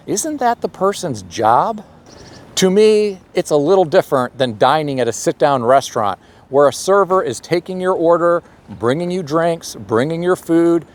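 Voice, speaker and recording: A middle-aged man hosting a personal finance channel, reading scripted commentary in a measured, opinionated way with touches of sarcasm. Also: a little high, darkish tone. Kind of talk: scripted commentary read aloud.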